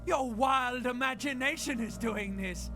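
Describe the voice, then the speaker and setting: A man putting on a squeaky, manic inner voice that shouts and teases. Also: measured pace, over music.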